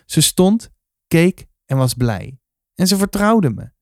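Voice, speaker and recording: A man reading a children's novel aloud in a calm, measured storytelling manner. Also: on the high side, dry recording, studio quality. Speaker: reader.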